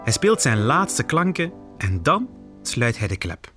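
Animated male storybook reader. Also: mid-range voice, a little slow, music in the background. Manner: expressive, playful asides. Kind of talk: reading a picture book aloud to children.

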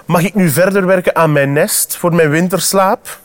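A man's voice: high voice, moderate pace, pitched above the performer's own voice, close to an everyday voice. A Flemish man voicing a polite, matter-of-fact little hedgehog in a children's storybook reading.

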